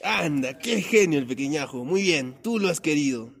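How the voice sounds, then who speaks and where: A man's voice: fairly high pitch, lively intonation, moderate pace, vocal fry, a bit bright, slightly rough, full character voice. A man voicing a cocky, teasing cat in a children's audio story, bossy and mocking in tone.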